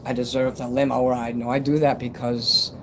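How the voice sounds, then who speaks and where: Over steady background noise, a fifty-something American man chats on his livestream at normal speed and medium pitch. His retainer causes whistling s sounds, and his talk is blunt, meandering, and full of swearing.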